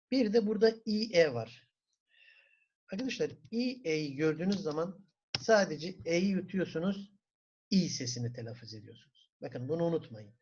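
A man with a Turkish accent teaches a German class, posing questions to the students, answering them himself, and slowly repeating words so they can practice pronunciation. His voice is fairly high, a little mellow, with a breathy edge, and the classroom lesson is captured in a dull lo-fi recording.

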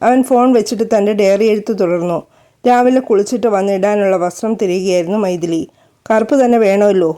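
A woman's voice: medium pitch, warm tone. A woman narrating a romance story as a storyteller and reading every character's lines in her own voice.

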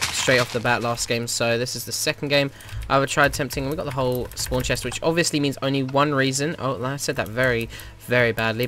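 A man talks quickly through casual gameplay commentary, rambling and correcting himself as he goes. His voice is mid-pitched and sounds stuffy from a slight cold. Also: noisy background. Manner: rambling, chatty, self-correcting. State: has a slight cold, sniffly morning voice. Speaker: gaming YouTuber.

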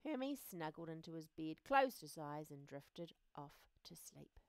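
A woman reads a children's picture book aloud with lively, swooping expression, often sinking to a soft hush. She takes her time over the words. The sound is close and dry. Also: low voice, unhurried, smooth, dry recording. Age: adult. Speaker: reader.

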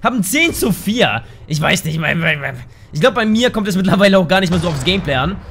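Excitable young German gamer, high voice. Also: male voice, fast talker, creaky, faint music behind. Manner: excitable, yelps and swears at the game. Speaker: gaming YouTuber. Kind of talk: casual gameplay commentary. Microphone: desk microphone.

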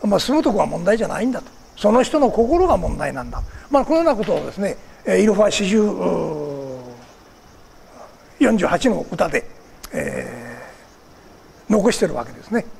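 A man's voice: high voice, huge pitch swings, normal speed, vocal fry, darkish tone, slight background noise. An older man from Kagoshima giving a formal public lecture, polite and digressive, with many fillers between phrases. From Kagoshima, Japan.

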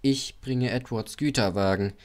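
A man voicing a small, excited boy locomotive in an audiobook, with shrill puffing calls. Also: measured pace, natural voice. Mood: meek. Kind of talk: audiobook character voice.

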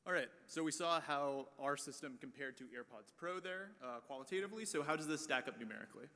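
A man's voice: on the high side, fast talker, pushed and bright, long reverb tail. A man presenting research results at a conference, walking through figures step by step with light filler words. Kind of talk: prepared research talk.

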